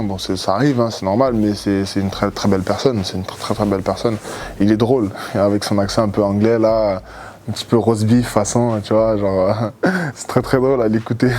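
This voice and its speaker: A young man from Cameroon, a former reality show contestant, answering interview questions in a relaxed, rambling way with many fillers and repeated words. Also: lowish voice, a little fast, a little hiss or hum.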